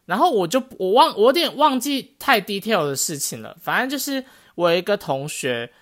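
A woman's voice: medium pitch, a little fast. A woman co-hosting a casual podcast chat and telling a story with lots of restarts. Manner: animated storytelling with frequent restarts. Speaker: podcast co-host.

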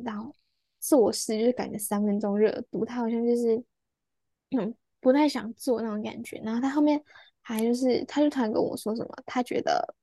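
With a warm, somewhat high voice and no echo, a young student tells a story on a casual podcast, laughing quickly as she goes and performing other people's lines. She is a young adult woman.

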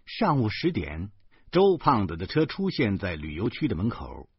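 A man narrating an audiobook in a lively, colloquial storytelling manner. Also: lowish voice, moderate pace, husky, lo-fi sound.

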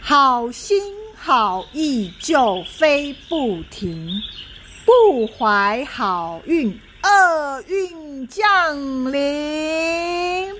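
Woman playing a young boy, chanting, reassuring, slow, lively pitch. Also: a little hiss or hum, full character voice. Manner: chanting spells, calm and reassuring. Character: brave young boy, big brother.

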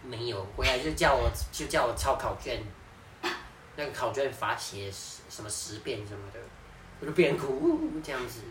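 A woman's voice: a bass voice, normal speed. A young woman, telling a story in casual podcast chat with lots of laughter. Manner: animated storytelling, laughs often. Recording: echoey room, distant mic, background noise.

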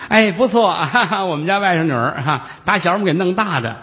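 A man voicing a shrill, fawning middle-aged widow in a traditional storytelling act. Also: animated, quick pace, pushed and bright, in a large hall. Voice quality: high, whiny, fawning. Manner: wailing protests, chattering excuses.

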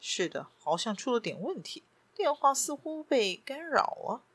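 A woman voicing a calm, courteous male banker who speaks softly and lower than her usual voice. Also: normal speed, breathy edge, full character voice. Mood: polite calm. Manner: soft, courteous, unruffled. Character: calm, polite middle-aged male banker.

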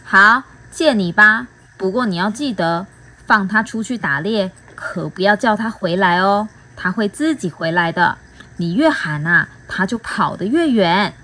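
A woman's voice: mid-range voice, lively intonation, a little slow, bright, forceful tone. A woman voicing a caring talking hand in a storybook read-aloud, giving firm repeated warnings. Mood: cautioning.

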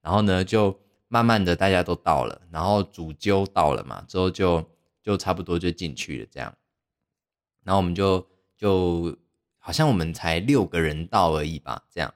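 A man's voice: sits low, animated, normal speed. A young man, hosting a podcast and telling a story casually, rambling and poking fun at himself with lots of fillers. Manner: rambling, self-mocking, heavy use of fillers. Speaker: podcast host.

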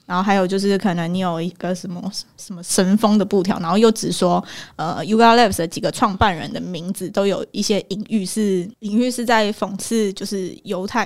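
A woman co-hosts a casual podcast chat with a Taiwanese Mandarin accent. She explains at length, stopping and restarting often and leaning on fillers. Her pitch sits in the middle range for a woman. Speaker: podcast co-host.

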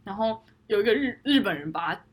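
Animated woman telling a story. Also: mid-range voice, fast talker, husky. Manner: animated storytelling, laughs often, mixes in English words. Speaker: podcast co-host. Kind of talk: casual chat.

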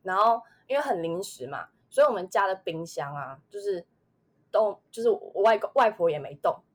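A woman's voice: mid-range voice, animated, normal speed. A woman in her twenties with a Taiwanese Mandarin accent, telling a personal memory in a casual podcast chat, rambling with many fillers. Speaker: podcast co-host.

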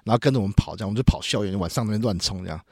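A man's voice: fairly low pitch, rapid-fire, breathy edge, no room sound, clean studio sound. A young man with a Taiwanese Mandarin accent hosts a podcast, telling a story in casual chat, laughing often and acting out the people in it. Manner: animated, laughing storyteller who acts out quotes. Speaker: podcast host. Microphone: studio microphone.

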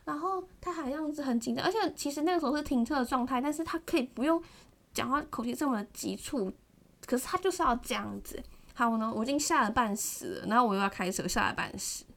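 A young woman hosting a podcast, telling a personal story in an animated, casual way, often acting out someone shouting. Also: sits high, fast talker. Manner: animated, mimics a shouting partner, many fillers. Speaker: podcast host.

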